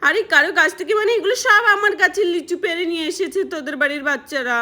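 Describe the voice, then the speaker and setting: A woman's voice: fast, pushed and bright. A woman voicing an angry, scolding village aunt in a doll-play story. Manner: shrill, threatening, complaining.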